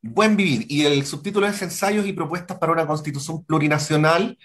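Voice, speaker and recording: A man's voice: fairly high pitch, fairly quick, fairly bright tone. A man hosting a radio interview, talking in a friendly, conversational way as he wraps up and gives the time. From Chile. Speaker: radio host.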